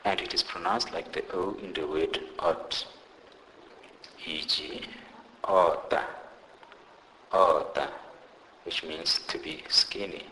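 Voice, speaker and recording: A man teaching pronunciation in a scripted lesson, deliberately saying each example word twice. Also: low voice, steady tone, pushed and bright, big-room sound, a little hiss or hum, rough recording. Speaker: language teacher.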